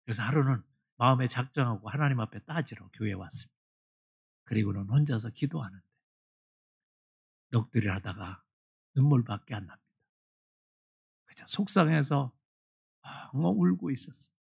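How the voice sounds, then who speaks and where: A male pastor preaching a Sunday sermon, telling a story with animated emotion in a church. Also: mid-range voice, normal speed, creaky, pauses often, breathy edge. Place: church sanctuary.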